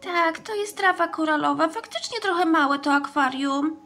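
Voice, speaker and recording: A woman voicing a caring, cheerful older girl in a children's doll story, speaking gently and clearly. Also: very high-pitched, moderate pace, full character voice. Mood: chatty. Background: background music.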